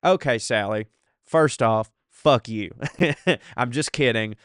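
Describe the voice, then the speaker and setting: A podcast host with a slow, smooth, slightly bright mid-range voice sounds stuffed up and congested from allergies, and he's short of breath. He reads listener mail aloud in casual comedic banter, swearing freely. The recording is dry and studio quality.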